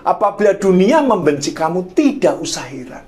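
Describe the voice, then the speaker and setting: A middle-aged man preaching a sermon, telling a story and often addressing listeners as brothers and sisters, his phrases trailing off softly. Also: sits high, big pitch swings, moderate pace. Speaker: pastor.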